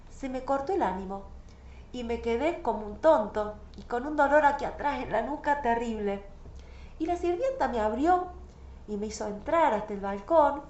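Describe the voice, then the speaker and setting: A woman's voice: fairly high pitch, a little mellow. Emotive woman reading a novel aloud. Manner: emotive, anguished storytelling. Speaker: audiobook reader. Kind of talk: first-person novel narration. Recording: roomy, slightly dull recording.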